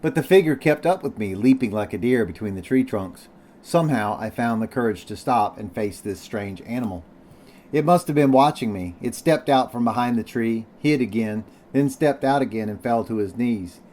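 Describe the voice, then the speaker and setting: A man's voice: mid-range voice, normal speed, a little mellow. A man reading a novel aloud for his students. He narrates plainly and steadily, stopping to call out each page number. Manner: calls out page numbers as he reads.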